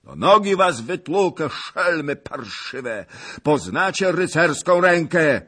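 A man's voice: fairly high pitch, big pitch swings, slow, bright, forceful tone, slightly rough, voice pushed up, full character voice. Zagłoba, roaring old nobleman. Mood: roaring defiance. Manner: roaring insults. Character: boisterous old blustering nobleman, brave braggart. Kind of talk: audiobook character voice.

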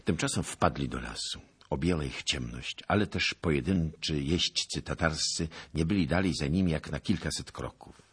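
A man's voice: rumbling low, normal speed, fairly bright tone, husky. A man giving dramatic scripted audiobook narration that swells with the action.

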